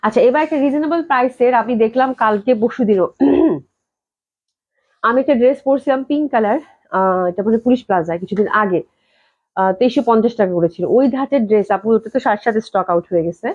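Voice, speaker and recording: A woman from Bangladesh hosting a live clothing sale. She chats nonstop, repeats the price again and again and drops English phrases into her pitch. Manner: talks slowly on purpose to hold back a cough. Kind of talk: fast live-stream sales pitch. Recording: dull lo-fi live-stream audio.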